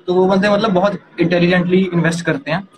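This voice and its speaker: A young man casually explaining startup funding to a co-host, talking quickly and animatedly. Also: high-pitched. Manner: rapid, animated, addresses partner as yaar and bhai. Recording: noisy background ambience.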